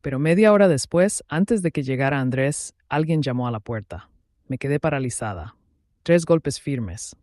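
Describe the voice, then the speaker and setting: Man narrating a dramatic story calmly. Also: mid-range voice, moderate pace, dry recording, clean studio sound. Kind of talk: first-person story narration.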